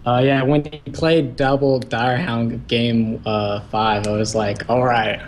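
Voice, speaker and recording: A man's voice: medium pitch, flat delivery, slow pace, slight background noise. Hesitant young male card-game player. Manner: hesitant, fillers, modest. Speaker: tournament winner guest. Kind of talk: casual interview.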